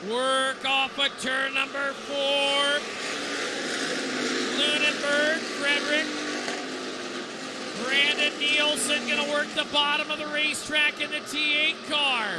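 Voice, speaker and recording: A man gives live motorsport commentary as a dirt-track style race announcer. His voice sits very high and stays on a level, flat line as he runs through positions in clipped phrases. Loud race car engines roar behind him. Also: takes it slowly, very noisy.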